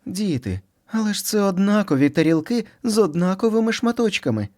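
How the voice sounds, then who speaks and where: A man's voice: sits high, big pitch swings, fairly quick, a little mellow, voice pushed up. A man playing mother hare, storybook, coaxing, a bit exasperated, raised voice. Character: patient fretful mother hare.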